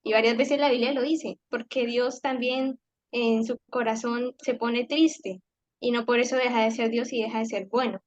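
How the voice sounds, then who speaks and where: A woman's voice: fairly high pitch, steady tone, normal speed, dry recording, highs cut off. A woman sharing a personal reflection in a faith group class, talking conversationally with hesitant restarts. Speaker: class participant.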